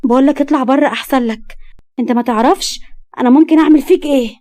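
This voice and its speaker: A woman voicing a frightened, indignant young woman with an Egyptian accent, speaking high and loud. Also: racing, no echo, studio quality, lightly acted. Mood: alarmed. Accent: Egyptian Arabic.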